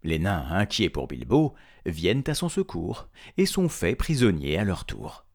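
A man narrating a storybook in a lively, dramatic reading voice. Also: low voice, measured pace.

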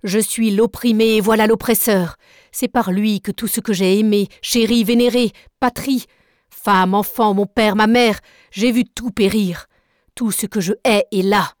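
A woman reading aloud and voicing a vengeful, defiant male sea captain, loud, slow and declamatory, in a dry recording. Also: mid-range voice, fairly even intonation, no room sound, natural voice. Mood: impassioned.

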